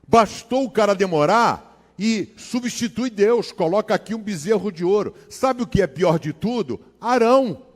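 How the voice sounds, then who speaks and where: Animated Brazilian pastor in a reverberant hall. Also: male voice, high-pitched, moderate pace. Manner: animated, slangy, swings between hushed asides and loud dramatic bursts. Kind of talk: sermon with personal storytelling.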